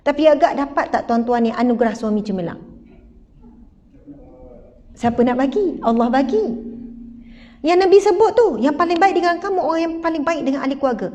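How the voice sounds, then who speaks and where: A middle-aged woman with a Malaysian Malay accent giving an animated religious talk, acting out scenes from family life. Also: high voice, brisk, long pauses. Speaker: religious teacher. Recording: dull hall recording, faint noise.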